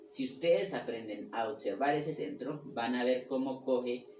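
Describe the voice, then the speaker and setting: A man giving a spiritual lecture, halting and restarting as he goes and checking in often with his listeners. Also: mid-range voice, a little mellow, faint music behind. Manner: halting, with restarts and repeated words. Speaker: spiritual teacher. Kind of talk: lecture on the ego and personality. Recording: echoey room, mic far off, faint ambient noise.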